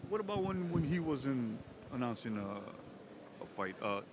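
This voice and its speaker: A man's voice: medium pitch, big pitch swings, a little slow. A man casually interviewing someone, asking informal questions in a conversational way. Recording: clearly noisy on-location ambience.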